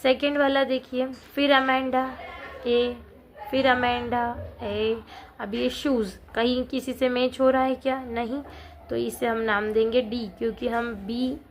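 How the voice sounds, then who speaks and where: A woman teacher works through a poem line by line at an unhurried, deliberate pace. Her voice sits a little high. A faint background hiss sits under the recording. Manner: reads English lines slowly, then explains them in simple conversational Hindi.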